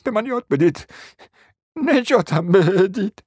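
A man's voice: high voice, animated, darkish tone, slightly rough. A desperate, lovesick young suitor in a radio drama, stammering and begging as his voice leaps up and down. The recording is dry, with no reverb. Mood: desperate pleading. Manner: stammering, pleading. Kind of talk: radio play acting.

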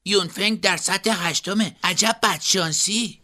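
A man voicing an eager young male student in an audiobook, exclaiming excitedly. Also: high voice, pitched above the performer's own voice. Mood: sympathetic. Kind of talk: audiobook character voice.

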